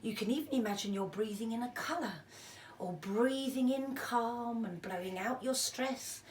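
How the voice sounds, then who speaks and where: A woman's voice: fairly high pitch, normal speed, slight background noise. A woman giving an informal mindfulness lesson, chatting in an encouraging, self-deprecating way as she explains and demonstrates. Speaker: mindfulness and breathing teacher. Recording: roomy echo, distant microphone.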